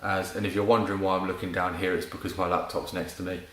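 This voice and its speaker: A man's voice: low voice, level tone, quick pace, fairly bright tone, reverberant, low-quality recording. A male fitness instructor leading a home workout, casual and encouraging, calling out cues while he exercises and getting out of breath. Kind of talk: home workout class demo.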